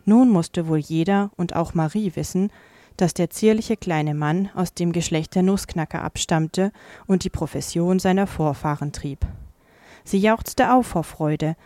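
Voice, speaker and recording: A woman narrating a classic fairy tale in a calm, measured reading voice. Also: fairly low pitch, dry recording. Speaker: audiobook narrator. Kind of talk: scripted storybook narration.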